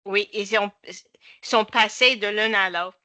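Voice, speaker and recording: Clear, bright woman with English-accented French. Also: medium pitch, steady tone, measured pace. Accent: English-speaking Canadian. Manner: foreign accent in French, searching for words. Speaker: discussion moderator. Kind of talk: informal panel discussion.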